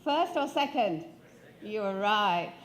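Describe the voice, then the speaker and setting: A woman's voice: medium pitch, expressive, takes it slowly. A woman in her fifties from Sheffield, giving a keynote talk on stage into a handheld mic and quizzing the audience with questions. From Sheffield, northern England. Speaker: motivational speaker. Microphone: handheld microphone.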